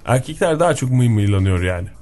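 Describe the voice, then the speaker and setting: A man's voice: medium pitch, expressive, fast, mellow, soft background music. A man co-hosting a radio morning show, chatting playfully about news stories. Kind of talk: casual studio banter.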